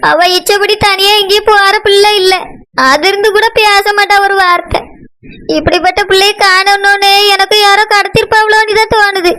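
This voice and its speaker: A woman's voice: very high voice, steady tone, normal speed, bright, forceful tone. A woman voicing a tearful, pleading village mother with a Kanyakumari Tamil accent in a cartoon. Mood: distraught. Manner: wailing, pleading, sobbing. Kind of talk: cartoon voice acting.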